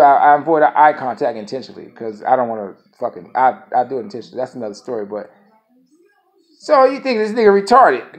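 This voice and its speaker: A man in his thirties speaking a casual monologue to camera, rambling and profane, often repeating his phrases. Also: high-pitched. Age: 30s. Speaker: vlogger.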